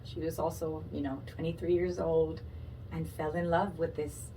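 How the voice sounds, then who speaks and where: Lively Pakistan-born woman, lower voice. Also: moderate pace, far from the mic, slight background noise, poor audio. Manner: lively, laughs often, playful asides. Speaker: podcast guest. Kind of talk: casual interview chat. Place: podcast studio.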